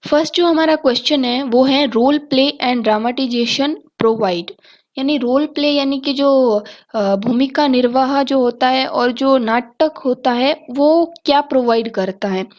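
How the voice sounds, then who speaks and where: A woman teacher with a Hindi accent reads exam questions and options aloud, then explains each answer. Her voice sits high, and she keeps dropping "okay" and "theek hai" between points. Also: slow pace, darkish tone. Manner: often says "ठीक है" and "okay" as fillers. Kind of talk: exam prep lesson, reading out multiple-choice questions.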